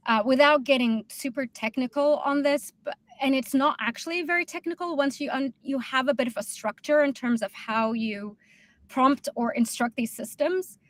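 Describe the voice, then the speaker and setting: A woman's voice: sits high, no echo. A woman hosting a casual panel discussion, speaking in long, rambling sentences with many fillers. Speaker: host.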